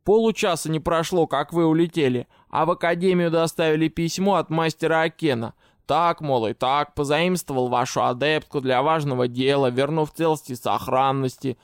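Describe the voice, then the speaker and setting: A gossipy male goblin gatekeeper grumbles through his news slowly and with heavy emphasis, as a man puts him on. The voice is clear and smooth, and the audiobook recording is dry and close. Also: a little high, no room sound, close to an everyday voice. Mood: grumbling.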